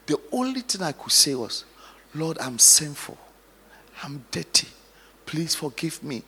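A male pastor preaching dramatically, moving from hushed storytelling to loud exhortation. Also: mid-range voice, slightly rough. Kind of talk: sermon. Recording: long hall reverb.

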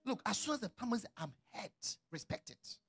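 Animated, bright-voiced preaching pastor, a man. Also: very high-pitched, fast talker, creaky, husky, soft background music. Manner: preaching with big swings from quiet to shouting. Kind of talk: sermon.

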